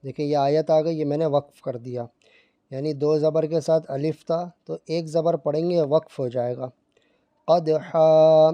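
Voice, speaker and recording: A man teaching Quran reading in Urdu, explaining patiently and reciting verses slowly. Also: on the high side, steady tone, no echo, dull audio. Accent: Pakistani Urdu.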